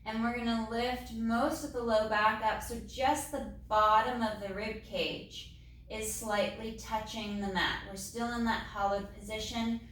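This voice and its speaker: A woman leading a Pilates mat class, calmly cueing each movement step by step. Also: fairly high pitch, unhurried, slight background noise. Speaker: Pilates instructor. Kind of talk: guided exercise class. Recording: very echoey room, mic far off.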